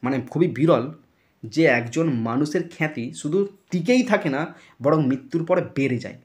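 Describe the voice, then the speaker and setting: A man's voice: fairly high pitch, normal speed, darkish tone. Man teaching grammar, spelling words aloud. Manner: explains step by step, spells words letter by letter; checks understanding with repeated questions. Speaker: English teacher. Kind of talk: classroom grammar lesson.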